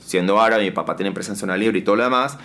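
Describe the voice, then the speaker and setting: Coach guest, man, brisk delivery, energetic and expressive. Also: fairly low pitch. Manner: energetic, emphatic, shifts his intonation on purpose. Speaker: business coach. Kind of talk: casual interview chat.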